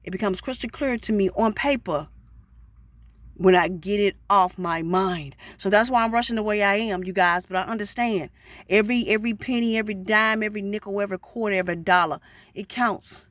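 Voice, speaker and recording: A woman, vlogging casually and rushing through encouraging, preachy talk to her viewers. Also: mid-range voice, fairly bright tone, no room sound. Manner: rushed, fast-talking, preachy encouragement.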